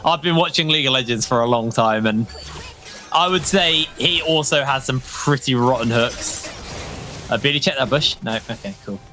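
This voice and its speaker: A man's voice: mid-range voice, normal speed, bright, forceful tone. A man giving joking color commentary on an esports match from a studio desk, teasing his co-caster. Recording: faint music behind.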